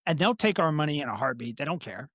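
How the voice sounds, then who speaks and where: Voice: medium pitch, big pitch swings, quick pace, a bit bright, no room sound, clean studio sound. A podcast host with a speech impediment that turns R sounds toward W, talking politics casually in a blunt, profane way. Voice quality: speech impediment, cannot pronounce R sounds, says W for R.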